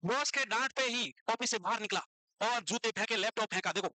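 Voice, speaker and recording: A man lecturing students in an animated way, firing rhetorical questions at the class. His voice is high and very bright, and he talks at a brisk clip. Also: dry recording, low-quality recording. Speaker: teacher.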